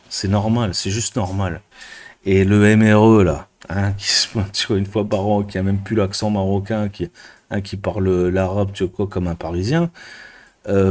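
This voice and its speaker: Low-voiced man ranting crudely. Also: a little mellow. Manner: crude, exasperated, full of fillers like "tu vois". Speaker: YouTuber and business coach. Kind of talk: casual ranting vlog to camera.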